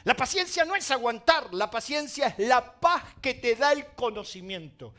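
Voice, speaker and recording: A male pastor with an Argentine accent preaching a sermon, swinging from loud emphasis to quiet, confiding asides. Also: extremely high pitch, expressive, normal speed. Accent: Argentine Spanish.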